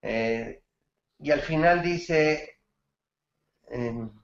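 A man's voice: fairly high pitch, drawn-out words, creaky, dull audio. Encouraging male songwriting teacher, roomy call. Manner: warm praise, explanatory, quotes song lyrics as examples. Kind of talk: feedback in an online class.

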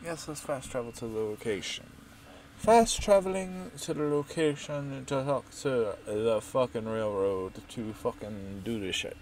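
A man's voice: mid-range voice, unhurried, darkish tone, slight background noise, rough recording. A young man streaming a game late at night, rambling and profane in casual commentary. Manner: rambling, profane, self-mocking.

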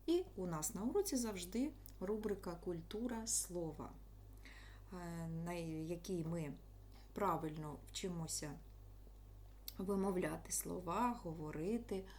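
Low mellow-voiced woman teaching children. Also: a little slow, a little hiss or hum. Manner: patient, explaining step by step to children. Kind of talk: online school lesson.

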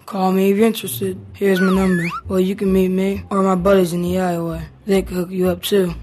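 A sly snail dealer who coaxes and tempts, voiced by a woman. The voice sits in a middle pitch. Music runs clearly behind her. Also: flat delivery, brisk, a little mellow, lightly acted. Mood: coaxing. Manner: coaxing, sly.

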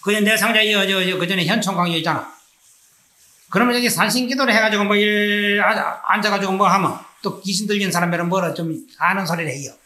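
A man's voice: high-pitched, a little fast. A man with a Gyeongsang accent, a Buddhist monk giving a dharma lecture, telling anecdotes and acting out their dialogue. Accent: Gyeongsang Korean. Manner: animated storytelling, acting out dialogue. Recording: echoey room, faint hiss.

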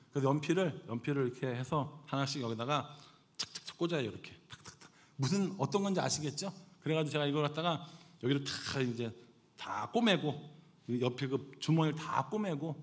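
A middle-aged man preaching a sermon as pastor, telling a story with animated swings between loud and hushed delivery. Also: mid-range voice.

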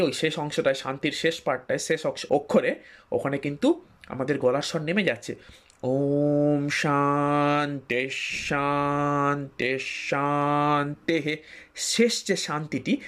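A man teaching breathing and Sanskrit mantra chanting, explaining patiently, often checking understanding and slowing down to chant the words. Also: on the high side. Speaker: meditation and Vedic chant teacher.

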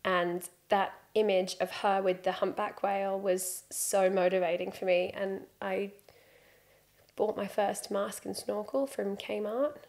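Speaking a little slowly in a medium-pitched, slightly mellow voice with fairly even intonation, a freediving instructor in her thirties from Britain guests on a podcast. She relaxes on a studio sofa before a plain wall, headphones on and close to a desk mic, telling her story with self-mocking humor.

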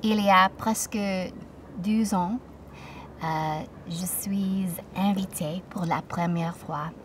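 A woman in her thirties, a singer-songwriter from Toronto and a native English speaker with an English Canadian accent, gives a casual spoken introduction on an outdoor backyard deck. Her voice is low, soft-spoken and hesitant, with many pauses. She's recorded from a distance on a slightly off-axis studio mic with a pop filter, and there's a little hiss or hum.

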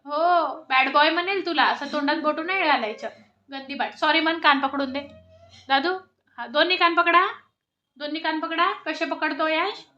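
A young family vlogger from Sakoli, Maharashtra, films a casual home vlog on her phone indoors. Her high-pitched voice is pushed and bright at a moderate pace, though the recording sounds muffled. She chats with viewers and coaxes a toddler in a sing-song way.

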